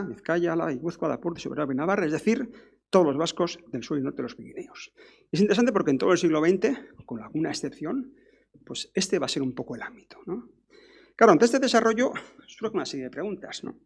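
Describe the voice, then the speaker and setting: A man's voice: on the high side, lively intonation, a little fast, gravelly, husky. A middle-aged man giving a conference lecture, talking in a discursive way with frequent restarts and tag questions. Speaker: academic speaker.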